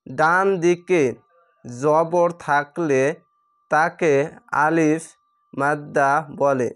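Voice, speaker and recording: Slow, deliberate Bengali-speaking male teacher. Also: a little high. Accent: Bangladeshi Bengali. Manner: spells letters out slowly, repeating each sound. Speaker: Quran reading teacher. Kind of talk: slow step-by-step lesson.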